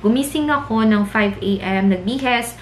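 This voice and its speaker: A woman's voice: on the high side, measured pace, roomy sound, a little hiss or hum. A young woman with a Filipino accent tells a story in a casual vlog. She mixes Tagalog and English and laughs often as she talks. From Philippines. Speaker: vlogger.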